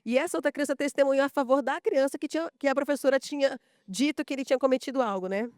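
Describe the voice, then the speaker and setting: A woman's voice: high voice, fast, darkish tone, no echo, studio quality. Heartfelt woman telling school stories. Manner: heartfelt, tearful at moments, many fillers. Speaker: school staff member. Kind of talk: round-table storytelling.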